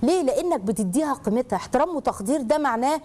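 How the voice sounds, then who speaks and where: A woman with an Egyptian Arabic accent hosting a casual advice talk, lively and animated, acting out quoted people and dropping laughing asides. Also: sits high, rapid-fire. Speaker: host giving marriage advice.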